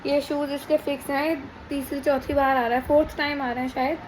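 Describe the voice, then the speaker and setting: A woman's voice: high voice, flat delivery, brisk, a little hiss or hum, rough recording. A young pregnant woman, chatting casually in a rambling home vlog. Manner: chatty, rambling, teasing her husband. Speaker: vlogger. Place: home indoors.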